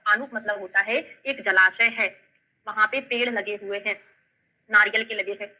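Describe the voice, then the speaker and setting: A woman's voice: mid-range voice, fairly even intonation, moderate pace, bright, forceful tone, rough recording. A woman with a Bundelkhandi accent teaching an online lesson, explaining step by step and checking in with her students. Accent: Bundelkhandi Hindi. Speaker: Ayurveda tutor. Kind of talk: online lesson with memory tricks.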